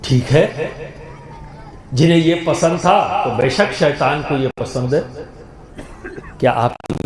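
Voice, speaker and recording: Before a big, noisy crowd in an echoing venue, a man delivers a sermon in a fairly high, expressive voice. He's rhetorical, firing off questions and urging the audience to respond out loud.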